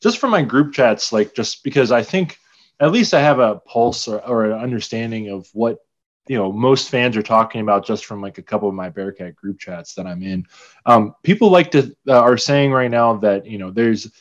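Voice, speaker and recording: A man's voice: fairly low pitch, moderate pace. Man chatting about sports, dull lo-fi sound. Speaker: podcast co-host. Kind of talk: casual sports chat. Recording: slightly dull, lo-fi audio.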